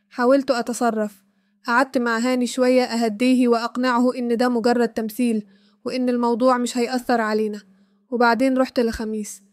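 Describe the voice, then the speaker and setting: A woman storyteller with an Egyptian Arabic accent reads a first-person story at a rapid clip. Her voice sits fairly high and barely rises or falls. The sound is close and dry. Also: dry recording.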